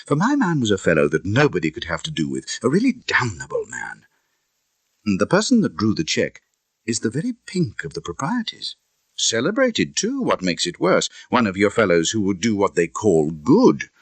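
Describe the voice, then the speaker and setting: A male audiobook reader, playing an indignant Victorian gentleman with a British accent, recounts a grim incident in a disapproving, musing mood. His low, husky voice is heavily acted and swoops wildly in pitch at a moderate pace, with emphatic conversational asides, all closely recorded in a dry space.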